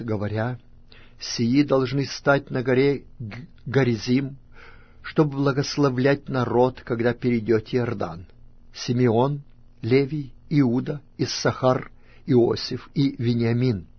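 Husky man declaiming scripture solemnly. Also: mid-range voice, no echo. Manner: declaiming, growing loud and emphatic on each curse. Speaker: scripture reader. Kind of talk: solemn Bible reading. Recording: dull lo-fi recording.

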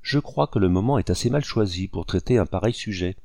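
A courteous older planter voiced by a man talks as an earnest, kindly host. The voice is very deep and gravelly, dark in tone. The audiobook recording is dry. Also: lively intonation, a little fast, no room sound. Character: older male colonial planter, kind and worried host.

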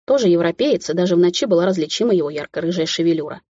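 A woman narrates a first-person romance audiobook in a soft, intimate, unhurried voice. Her tone is low, dark and husky. The recording is dry and slightly dull. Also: animated, dry recording.

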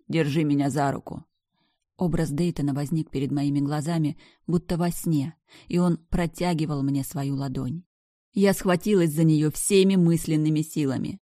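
Female audiobook narrator, low voice, intense first-person telling, dry close sound. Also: dark tone, no echo. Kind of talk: first-person scripted narration of dark fiction.

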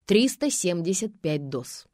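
A woman reading an audiobook, voicing a smug, bossy male police officer who speaks loudly and condescendingly. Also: lowish voice, very animated, a little slow, no echo, clean studio sound.

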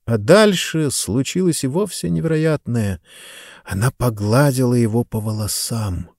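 A man narrating an audiobook with an expressive reading. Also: mid-range voice, a little slow, vocal fry, no echo, studio quality. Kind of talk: scripted narration.

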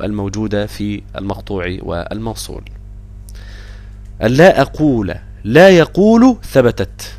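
A man's voice: medium pitch, dry recording. Egyptian man teaching tajweed online. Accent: Egyptian Arabic. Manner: explains patiently, repeats words slowly, checks students. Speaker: Quran recitation teacher.

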